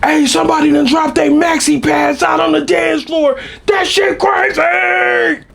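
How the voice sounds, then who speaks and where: A man voicing a loud, excited male club DJ who shouts from far off the mic. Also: very high voice, unhurried, creaky, pitched above the performer's own voice, exaggerated voice. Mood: shouting. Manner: shouting over the music.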